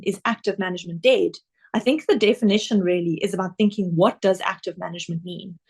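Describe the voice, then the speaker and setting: With vocal fry and a husky, mid-range voice, a South African woman presents a webinar over slides. She's an investment director, and her explanations come at a measured pace with occasional ums.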